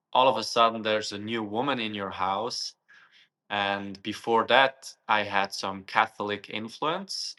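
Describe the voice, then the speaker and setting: A man's voice: on the low side, sharp tone. A young man from Switzerland, a guest answering interview questions thoughtfully and searching for his words.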